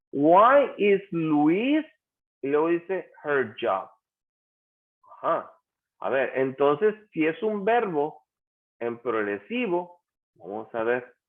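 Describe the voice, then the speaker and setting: Man teaching over a tinny call. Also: a little high. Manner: patient, asks students questions and repeats answers. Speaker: English teacher. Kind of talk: online class, explaining grammar. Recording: tinny phone-like call audio.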